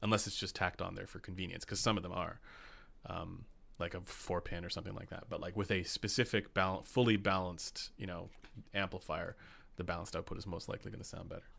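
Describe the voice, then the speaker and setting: A man's voice: deep voice, fairly even intonation, fairly quick, vocal fry, fairly bright tone. A Canadian man hosting a casual live stream, rambling with fillers and reading chat questions aloud. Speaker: host.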